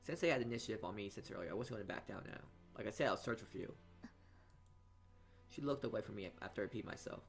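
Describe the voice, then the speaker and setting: Game music plays beneath a man reading a visual novel's narration as a let's player, often tripping on the words. His voice is gravelly and fairly low, and he talks quickly.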